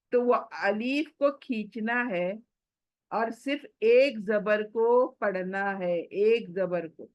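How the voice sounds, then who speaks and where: A woman teaching Quran recitation rules in an online class, drilling words with repeated questions and spelling sounds letter by letter. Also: a little high.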